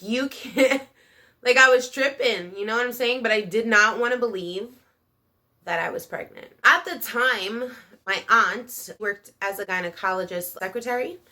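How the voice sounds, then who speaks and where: Female vlogger, thirties, bright forward voice, chatty slangy storytime delivery aimed straight at the audience. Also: on the high side. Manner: chatty and animated, slangy, addressing viewers directly. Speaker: video channel host. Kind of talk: casual first-person storytime vlog.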